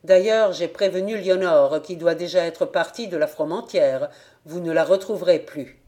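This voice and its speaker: A woman's voice: fairly low pitch, normal speed, dark tone, close to an everyday voice. A woman reading the part of a stubborn young farmer's son who speaks firmly and tersely. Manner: firm, terse.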